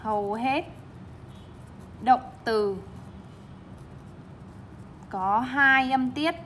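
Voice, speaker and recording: A young woman English teacher with a bright, clear voice, speaking a little higher than most women. She explains word stress in a bilingual classroom style, leaning hard on stressed syllables as she models each word. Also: drawn-out words, a little hiss or hum. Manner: emphatic, stresses syllables while modeling words.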